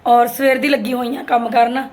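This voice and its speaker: A middle-aged woman with an Indian Punjabi accent and a sore, hoarse throat, chatting casually as she narrates a daily family vlog. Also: on the high side, level tone, brisk, darkish tone. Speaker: family vlogger.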